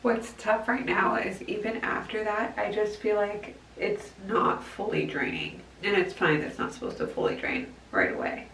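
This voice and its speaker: Congested young woman rambling into a vlog. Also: on the low side. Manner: rambling, full of "like". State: congested nose after surgery. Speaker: vlogger. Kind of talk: casual vlog diary. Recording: distant mic with steady background noise.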